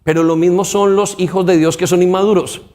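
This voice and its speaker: A man's voice: high-pitched, fairly even intonation, fairly quick, mellow. A man pastor preaching an emphatic sermon in a church, with call-and-response to the congregation.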